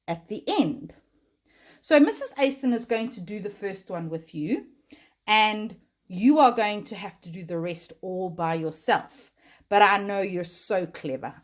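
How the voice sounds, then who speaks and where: Woman teacher for little kids: slow, lively sing-song delivery, encouraging, chanting patterns aloud. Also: medium pitch. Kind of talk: early-years lesson for young children.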